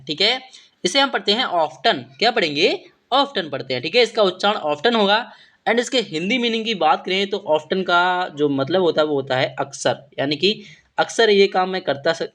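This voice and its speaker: A man giving a spoken vocabulary lesson, spelling each English word letter by letter and repeating its meaning in Hindi with a steady "okay". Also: on the high side. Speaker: English teacher.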